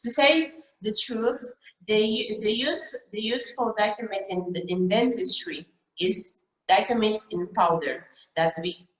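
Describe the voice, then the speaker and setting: Woman, from Brazil, Portuguese native, conference talk over slides, halting with fillers, medium pitch, echoey room, video call. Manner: halting, many fillers and restarts. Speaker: dentist presenting a case report. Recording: roomy echo.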